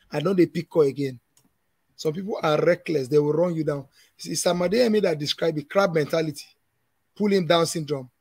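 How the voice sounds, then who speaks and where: A man's voice: on the high side, creaky, husky, no echo. A man in his thirties with a Nigerian English accent, answering questions as a conference speaker in an emphatic, preachy way, often laughing.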